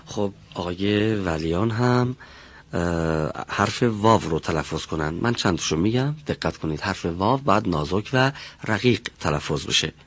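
A man's voice: low-pitched, expressive, fairly bright tone. A man teaching pronunciation in a classroom, patiently drilling single sounds and correcting students.

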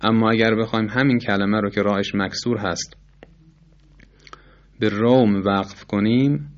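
A man's voice: fairly low pitch, steady tone, highs cut off. A man teaching Quran recitation rules in a formal, patient lesson, politely repeating and explaining with examples.

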